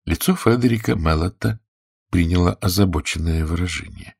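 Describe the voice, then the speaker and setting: A man narrating a story aloud in a measured storytelling manner. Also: low voice, vocal fry, darkish tone, breathy edge, no room sound, clean studio sound. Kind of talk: audiobook narration.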